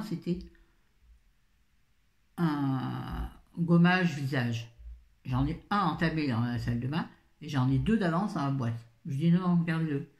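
A woman's voice: deep voice, darkish tone. A woman beauty vlogger chatting casually through a product haul, with wry asides and frequent fillers. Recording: echoey room.

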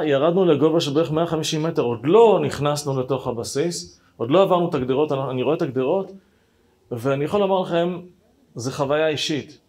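A man with a fairly high voice tells a personal story as a rabbi. He talks straight to his listeners in an animated way, acting out what each person said. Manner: animated, acts out dialogue, addresses listeners directly.

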